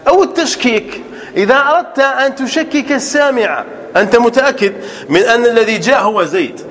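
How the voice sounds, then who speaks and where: A man, a sheikh, teaching a classroom grammar lesson. He repeats example sentences slowly, breaks them into single words, and keeps checking with his students through rhetorical questions. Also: extremely high pitch, lively intonation, fairly bright tone, long reverb tail.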